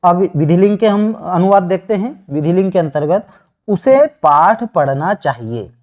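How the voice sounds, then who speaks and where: A man teaching Sanskrit grammar online, slowly repeating each answer after asking it back. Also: high-pitched, lively intonation, darkish tone. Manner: slow, repeats answers with rhetorical questions. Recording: dull lo-fi sound.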